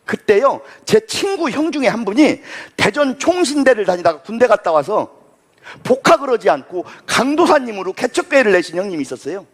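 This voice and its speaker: A man giving a motivational lecture, telling stories in an animated, folksy, dramatic way. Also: high voice, fairly quick.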